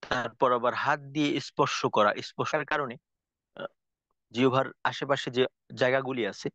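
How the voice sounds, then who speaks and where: A man teaching a tajweed lesson, explaining slowly and carefully with frequent pauses and fillers. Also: mid-range voice, steady tone, pushed and bright, no room sound. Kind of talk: recorded lesson lecture. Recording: dull lo-fi recording, dry.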